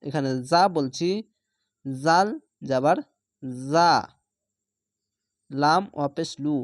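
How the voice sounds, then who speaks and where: A Quran reading teacher giving a slow, patient lesson, spelling out syllables one by one and then blending them into words. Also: mid-range voice, fairly even intonation, no echo, clean studio sound. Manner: patient, repeats words slowly for learners.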